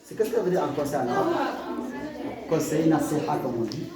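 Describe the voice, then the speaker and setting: A man's voice: a little high, expressive, brisk, crowd noise. Man teaching, echoey classroom. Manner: repetitive, stammering restarts, explains with examples. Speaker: French teacher. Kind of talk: classroom grammar lesson. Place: school classroom. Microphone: far from the mic. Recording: echoey classroom, far mic, student noise.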